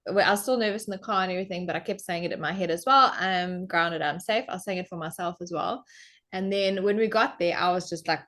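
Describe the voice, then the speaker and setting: A young adult woman, a guest on a podcast, telling a story in casual chat and acting out what people said with big leaps in her voice. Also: quick pace. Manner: animated storyteller, acts out quotes with big pitch jumps.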